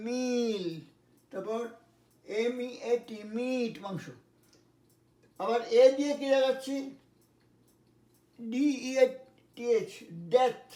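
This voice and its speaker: A man teaching English pronunciation, spelling words letter by letter and repeating each one slowly. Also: extremely high pitch, darkish tone, far from the mic. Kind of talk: pronunciation lesson. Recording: echoey room, voice from off-mic.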